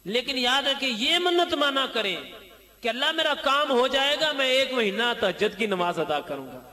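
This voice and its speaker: A man's voice: very high voice, animated, moderate pace, bright, forceful tone. A man preaching a sermon, exhorting listeners with chanting repetition. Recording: long hall reverb.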